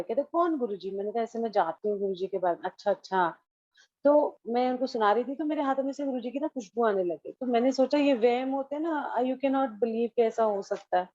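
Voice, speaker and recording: A woman's voice: fairly high pitch, mellow, dry recording, lo-fi sound. A woman tells a devotional story casually and with feeling, mixing in English phrases and acting out the dialogue. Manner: mixes English phrases into Hindi; emotional, storytelling with quoted dialogue. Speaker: devotee sharing a testimony. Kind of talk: casual spoken testimony.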